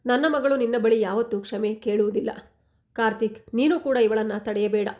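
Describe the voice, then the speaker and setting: A woman's voice: fairly high pitch, normal speed, a little mellow, close to an everyday voice. Brief: woman narrator playing a cold, dismissive mother-in-law in a storybook reading. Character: stern mother-in-law siding with her daughter.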